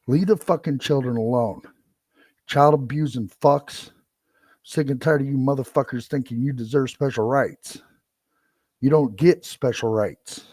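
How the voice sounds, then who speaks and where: Middle-aged man, podcast host, angry repetitive ranting, mid pitch, dry room. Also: darkish tone, no room sound. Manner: profane, heated and repetitive. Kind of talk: angry solo rant.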